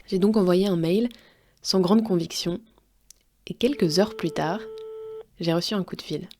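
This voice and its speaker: Mellow French woman narrating. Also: fairly low pitch, measured pace. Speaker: podcast host and reporter. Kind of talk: scripted narration.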